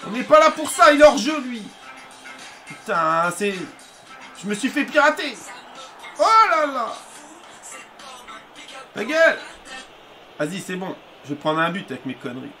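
Hyped guy streaming a footie game, super high bright voice, yelling and cussing, music on low. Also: measured pace, pauses often. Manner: excitable, loud outbursts and swearing. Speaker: gaming streamer. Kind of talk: live video game commentary. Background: music playing.

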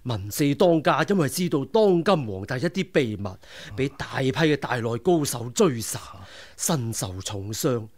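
In a 1990s radio drama, an older man with a Hong Kong Cantonese accent plays an elderly martial arts master. He speaks humbly and politely in old formal phrases, with a medium-pitched voice, lively intonation and a measured pace that hardly pauses.

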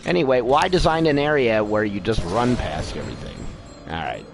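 A man's voice: fairly low pitch, expressive, moderate pace, music in the background. A middle-aged man giving casual gameplay commentary as a live streamer, in a grumbling, exasperated, sweary way. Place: room at home. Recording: clearly noisy home stream recording.

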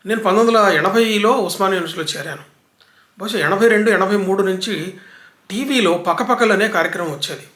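A man gives an unhurried, lecture-style talk as a literary commentator, stacking up one example after another. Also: sits high, fairly bright tone. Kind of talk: reflective book talk. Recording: echoey room.

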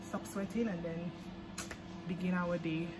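A woman's voice: on the low side, steady tone, a little slow. A young woman, a medical student, chatting casually to her phone camera in an upbeat way, often saying "literally" and "like". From Saint Lucia. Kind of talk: casual vlog chat. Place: stadium, kitchen, hospital hallway and lab. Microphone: phone camera at arm's length. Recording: phone vlog with clear background noise.

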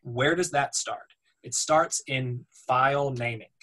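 A man in his thirties leads a webinar from home, speaking into a webcam at a middling pitch. His delivery is relaxed and explanatory, padded with ums and uhs as he thinks aloud. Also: slow pace, rough recording. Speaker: voiceover demo producer. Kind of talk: webinar teaching. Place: home room, indoors. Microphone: webcam on video call.

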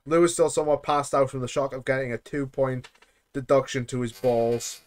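Game master, male, clear resonant voice, casual and jokey, on a call mic. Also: medium pitch, steady tone, a little fast. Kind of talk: narrating a tabletop game.

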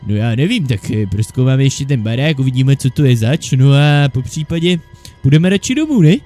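A man's voice: mid-range voice, expressive, dark tone, soft background music. A man playing through a comedic game parody, chattering nervously and swearing often as he plays two bickering friends. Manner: jittery, panicky banter with frequent mild swearing; switches between two bickering sidekick characters. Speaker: gaming YouTuber. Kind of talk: comedic Minecraft let's play.

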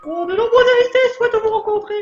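A man voicing a sweet, gushing young princess in a high falsetto, reading game dialogue. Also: rapid-fire, echoey room, muffled recording, faint music behind.

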